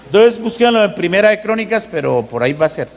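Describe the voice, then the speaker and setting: A man preaching a teaching sermon, who asks the congregation rhetorical questions and slows down to stress scripture verses. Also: sits high, sing-song, creaky. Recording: long hall reverb.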